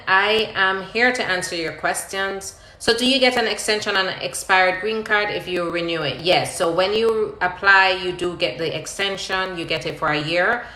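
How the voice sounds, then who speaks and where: A woman attorney hosts a live Q&A, reading viewer questions aloud and walking through the answers step by step in a conversational style. Her voice is lowish with a sharp tone, and the live-stream audio is roomy and echoing.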